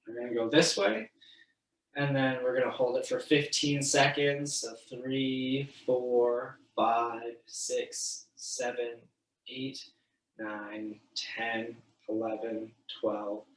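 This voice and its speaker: A man leading an online stretching class, casual and encouraging, counting each hold out loud. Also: medium pitch, distant mic. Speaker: fitness instructor. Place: room, moving away from the mic while standing. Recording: echoey room, voice from off the mic.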